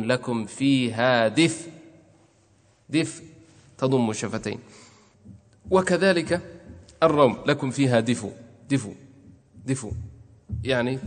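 A man teaches recitation rules at a mid-pitched, ordinary level, slowing down to chant each verse and example. He poses questions and answers them himself while his voice rings with a long reverb. It sounds like a lesson recorded in a large resonant space. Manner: recites verses slowly, then explains with repeated examples. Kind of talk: explaining a didactic poem line by line.

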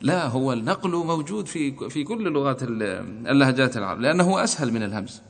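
A man teaching a recitation lesson in a deliberate, explanatory manner, slowly repeating his examples. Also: medium pitch, expressive. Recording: long hall reverb.

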